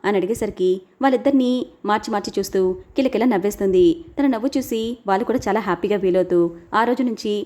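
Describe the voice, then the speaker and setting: A woman narrating a family drama, briskly acting out the dialogue as she tells it. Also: darkish tone. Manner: quick, emotional storytelling, raising her pitch for quoted lines. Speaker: storyteller.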